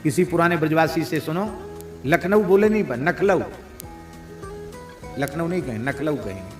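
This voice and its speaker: A man's voice: fairly high pitch, lively intonation, normal speed. A man giving a devotional sermon as a spiritual teacher, preaching unhurriedly, asking rhetorical questions and reciting verses. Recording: echoey hall with faint music.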